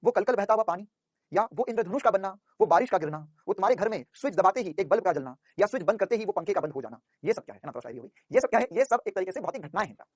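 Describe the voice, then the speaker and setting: A man's voice: high-pitched, expressive, rapid-fire, dry recording, studio quality. A man teaching a physics class, who asks questions and answers them himself and calls his students "बेटा".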